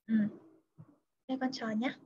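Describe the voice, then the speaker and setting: A woman's voice: a little high, flat delivery, measured pace, darkish tone, husky. A woman tutoring English over a video call, patiently correcting pronunciation word by word. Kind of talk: online English lesson, mixing Vietnamese and English. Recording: dull lo-fi video call audio.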